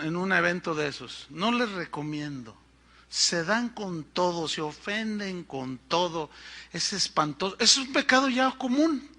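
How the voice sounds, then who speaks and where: A middle-aged man with a Mexican accent preaching a sermon, telling stories in an animated way and acting out the people in them. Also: high-pitched. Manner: animated storytelling with acted-out quotes. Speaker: pastor.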